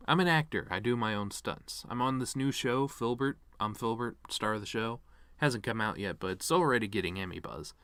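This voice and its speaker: In a fairly low but somewhat bright voice with no room sound, a man performs a dramatic monologue as a bitter, regretful actor delivering his mother's eulogy, full of sardonic, rambling asides.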